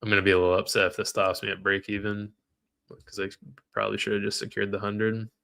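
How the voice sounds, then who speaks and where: A man's voice: lowish voice, monotone, fast, creaky, sharp tone. A man trading live on a stream, reading out viewer comments and venting when trades go against him. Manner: frustrated, talks to chat while reading comments. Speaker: livestream trader.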